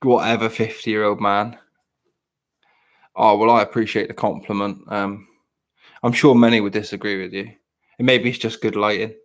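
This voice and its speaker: A man's voice: fairly low pitch, little pitch movement, normal speed, pauses often. A man in his thirties chatting casually, rambling and poking fun at himself. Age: 30s. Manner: rambling, self-mocking, restarts often. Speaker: podcast host. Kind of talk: casual chat.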